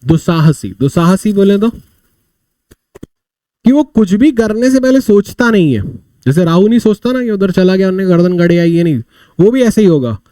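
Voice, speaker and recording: A man's voice: high voice, animated, moderate pace, long pauses, warm tone, dry recording. A man teaching a vocabulary class, telling little stories to explain words and asking and answering his own questions. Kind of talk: live online vocabulary class.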